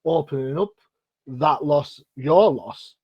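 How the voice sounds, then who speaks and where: Chatty and self-deprecating, a middle-aged British podcast host poses rambling questions in a casual interview. His slightly high, husky voice moves slowly, with no room sound and the highs cut off.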